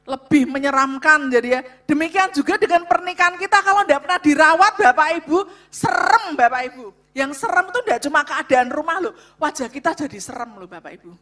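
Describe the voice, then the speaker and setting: A woman delivers a sermon on marriage in a high, bright voice. She speaks loudly and with emphasis, repeatedly addressing the listeners directly. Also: animated, brisk, hardly any pauses. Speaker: co-speaker at a church revival on marriage. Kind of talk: sermon-style talk to a congregation.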